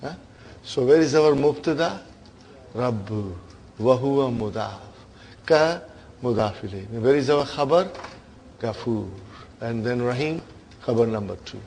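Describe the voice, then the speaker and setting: A man's voice: mid-range voice, lively intonation, a little slow, long pauses, darkish tone, a little hiss or hum. A man teaching an Arabic grammar lesson, engaging his class with frequent check-in questions and addressing them as brothers and sisters.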